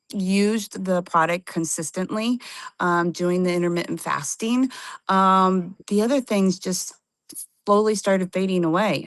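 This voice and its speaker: A woman in her fifties telling her personal story on a livestream call, earnest and halting, with many fillers. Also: lowish voice, fairly bright tone, clear, resonant tone, no room sound. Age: 50s. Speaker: testimonial guest. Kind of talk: casual personal testimony on a livestream.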